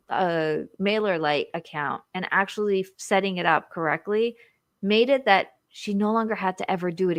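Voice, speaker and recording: A woman hosts a casual live interview with a bright, forward voice. She talks in an animated way and slips into little acted inner voices. The sound is dry and close. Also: on the low side, no echo. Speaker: show host, marriage coach.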